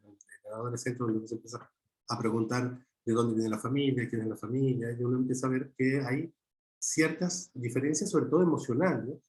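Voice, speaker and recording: Man, middle-aged, interview guest, halting, reflective, mid-pitched voice. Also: a little mellow. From Chile. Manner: halting, many restarts and fillers. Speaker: guest filmmaker.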